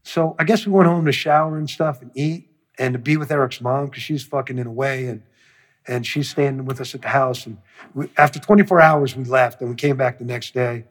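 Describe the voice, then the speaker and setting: A music producer tells a long story in an interview, his mid-range voice brisk and slightly rough. He swears freely and animatedly acts out what people said.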